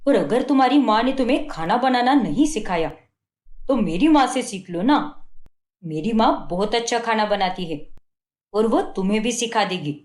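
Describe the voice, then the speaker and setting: A woman's voice: a little high, lively intonation, normal speed, darkish tone, lightly acted. Himanshu, a scolding young husband voiced by a woman. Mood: angry. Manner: scolding, complaining. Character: rude, fault-finding young husband. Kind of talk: cartoon voice acting. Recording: roomy echo.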